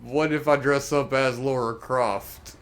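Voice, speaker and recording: A man's voice: medium pitch, fairly even intonation, a little slow, clear, resonant tone, soft background music. A middle-aged man streaming a video game, chatting casually and joking, cursing at the game now and then. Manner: laid-back, joking, swearing at the game. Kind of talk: casual gaming stream chat.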